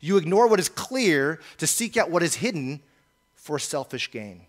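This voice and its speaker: A man's voice: fairly high pitch, very animated, normal speed. A male pastor preaching a sermon in an earnest, emphatic way, often repeating key phrases.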